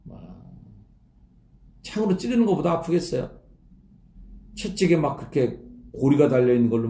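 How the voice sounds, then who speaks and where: A man's voice: medium pitch, gravelly, mellow. A male pastor giving an early-morning sermon in a conversational way, sometimes acting out mocking voices. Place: church. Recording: echoey church room.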